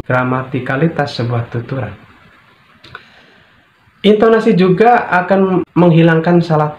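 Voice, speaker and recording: Man, grammar teacher, deliberate, repeats key points, faint room hiss. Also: mid-range voice. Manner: deliberate, repeats key phrases, occasional fillers. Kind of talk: recorded lesson. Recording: echoey room, dull lo-fi sound.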